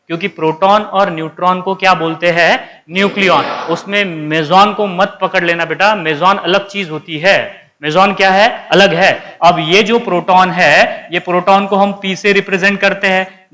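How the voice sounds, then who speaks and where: A man's voice: high-pitched, bright, forceful tone. A man teaching chemistry in a classroom, often asking the class questions and then answering them himself. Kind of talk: classroom lecture.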